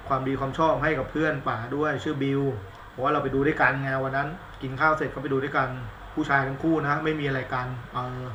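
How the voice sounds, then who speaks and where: A man's voice: a little high, sharp tone, reverberant, a little hiss or hum. A man doing a casual live-stream movie review, chatty and rambling, with blunt slang and self-mocking asides. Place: indoors at home, live stream.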